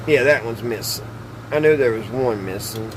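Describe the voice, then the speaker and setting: A middle-aged man, host of a hobby channel about radio repair, speaks at a moderate pace in a medium-pitched voice. Chatty and folksy yet a bit hesitant, he reasons aloud while tinkering by hand. The setting is a small wood-panelled indoor workshop, and the background is noisy.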